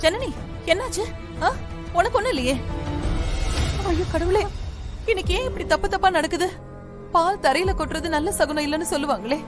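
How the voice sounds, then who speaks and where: A woman's voice: fairly high pitch, brisk, long pauses, music in the background, close to an everyday voice. Actress as an anxious superstitious mother. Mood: worried. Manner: worried, fretting.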